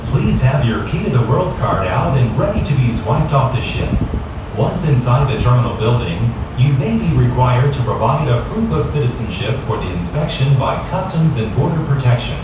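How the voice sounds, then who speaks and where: Man on a ship intercom, formal announcement, lively pitch, echoey loudspeaker from far off. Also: noisy background. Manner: measured, formal, clearly enunciated. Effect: over the ship's intercom. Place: aboard a cruise ship, heard through a loudspeaker.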